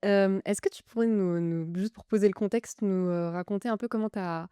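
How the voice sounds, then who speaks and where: Gentle hesitant woman podcast host. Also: mid-range voice, moderate pace, clear, resonant tone, no room sound, clean studio sound. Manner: gentle, hesitant, many fillers. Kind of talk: interview hosting.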